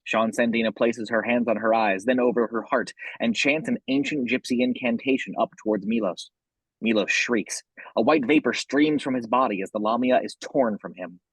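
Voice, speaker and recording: A man with a husky voice reading scripted horror narration, describing the action scene by scene. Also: mid-range voice, moderate pace, fairly bright tone, no room sound, rough recording.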